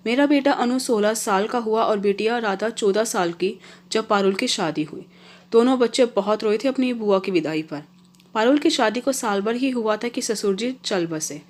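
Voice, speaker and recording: A woman narrating a scripted first-person family story as the host of a storytelling channel. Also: fairly high pitch.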